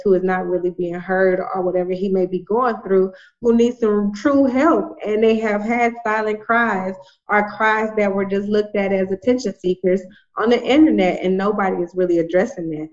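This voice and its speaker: A woman's voice: medium pitch, fairly even intonation, normal speed, a little mellow, lo-fi sound. A woman talking conversationally as a guest, with an emphatic, colloquial way of advocating for her cause. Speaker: organization representative, guest. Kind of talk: conversational talk, impassioned advocacy.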